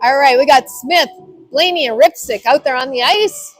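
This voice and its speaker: Calling a hockey game live, a female play-by-play announcer with a high voice speaks at a normal pace in short, clipped bursts, with faint music playing behind her.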